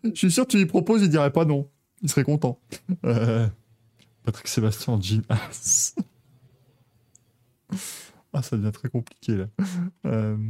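With a warm tone and medium pitch, a young man chats casually on his motorsport podcast. His hosting is loose and full of jokes, laughter and rambling asides.

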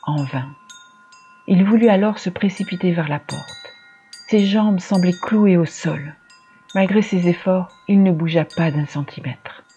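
Mellow-voiced dark fantasy storyteller. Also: mid-range voice, a little slow, muffled recording. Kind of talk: scripted fantasy narration.

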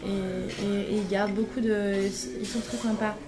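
A young woman, a podcast guest, talking casually in a hostel and often pausing to search for words. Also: medium pitch, flat delivery. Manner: hesitant, pauses to search for words. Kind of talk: casual conversation.

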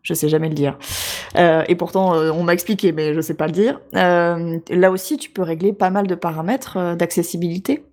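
A woman's voice: fairly low pitch, brisk, darkish tone. Woman, casual chat, enthusiastic, chatty, many fillers, frequent laughs. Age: adult with a job. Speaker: podcast co-host. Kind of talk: casual chat about video games.

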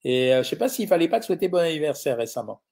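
A middle-aged nutritionist with a slightly high, creaky, darkish voice talks very fast, pitch swinging widely, during a casual live session. He reads viewer comments aloud and answers them bluntly and informally, addressing them as tu and filling his speech with frequent euh.

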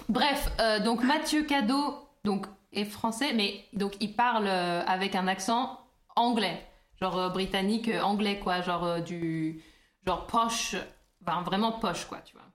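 A woman's voice: medium pitch, measured pace, a little hiss or hum. A woman chatting casually as a podcast co-host, rambling with lots of hesitations and restarts. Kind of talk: casual chat. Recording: roomy echo.

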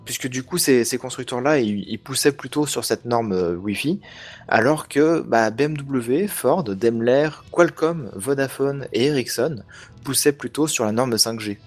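A man hosting a relaxed tech podcast, talking through the news at a middle pitch. He hesitates and restarts often, with faint music in the background. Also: unhurried. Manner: hesitant, frequent restarts and fillers. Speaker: podcast host. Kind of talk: casual tech podcast discussion.

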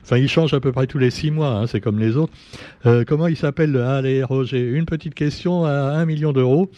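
A man's voice: mid-range voice, brisk, mellow, no echo. A man hosting a casual press review, chatty and sarcastic, with many fillers and asides. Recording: dull lo-fi sound.

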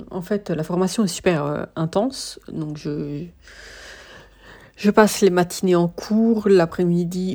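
A woman's voice: lowish voice, dark tone. A tired woman hosting a casual solo podcast, talking hesitantly with many filler sounds and restarts. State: tired, worn out. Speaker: podcast host.

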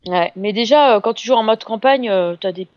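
A woman co-hosting a casual chat, upbeat and quick to laugh. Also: mid-range voice, a little mellow, dry recording. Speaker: co-host, game reviewer. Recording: slightly muffled, faint music behind.

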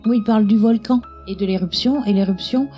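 A woman's voice: medium pitch, brisk, dark tone, faint music behind. A woman co-hosting a casual film recap, explaining the plot in detail. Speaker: podcast co-host.

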